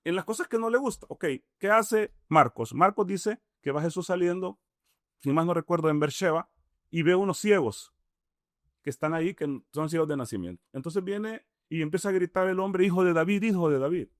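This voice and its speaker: With a fairly high voice and a Salvadoran Spanish accent, this man, an imam being interviewed, talks through his points casually. Step by step he constructs his arguments, tossing in rhetorical questions and a frequent "mm?" to check in. There's no room echo; the sound is dry and close.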